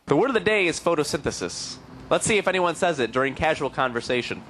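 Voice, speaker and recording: A man's voice: fairly high pitch, animated, fast talker, fairly bright tone, slight background noise, low-quality recording. A man running a prank interview bit on passersby. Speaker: comic correspondent.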